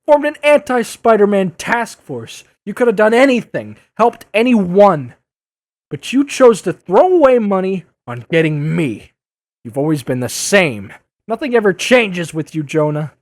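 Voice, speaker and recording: Man acting an animated, earnest Spider-Man. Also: high voice, a little slow. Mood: exasperated. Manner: earnest, impassioned, indignant. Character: earnest, exasperated wisecracking young male masked superhero. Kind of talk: audio drama acting.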